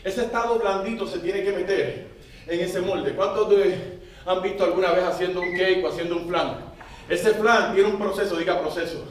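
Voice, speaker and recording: A man with a high-pitched voice preaches a sermon at normal speed and with fairly even intonation, having the congregation echo phrases back to him. The recording comes from a large, echoey church hall, with the mic placed at a distance.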